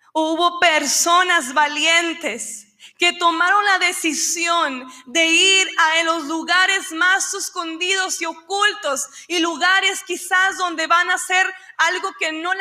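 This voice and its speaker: A woman's voice: extremely high pitch, pushed and bright. A woman preaching a sermon, telling a story with passion and acting out the people in it. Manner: impassioned, acts out quoted voices.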